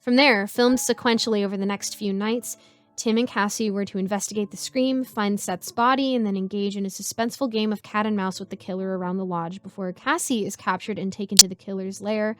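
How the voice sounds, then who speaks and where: A woman narrating a first-person horror story in a measured, suspenseful way. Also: medium pitch.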